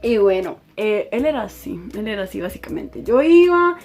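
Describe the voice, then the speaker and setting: A young woman with a Costa Rican accent telling a personal story in a chatty, animated way, laughing often. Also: mid-range voice, moderate pace, faint music behind. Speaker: vlogger. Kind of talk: casual storytime.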